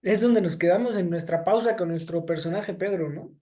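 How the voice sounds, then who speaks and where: A man's voice: sits high, moderate pace. Man retelling a Bible story vividly. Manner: lively storytelling with dramatized quotes. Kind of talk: Bible teaching discussion. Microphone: video call.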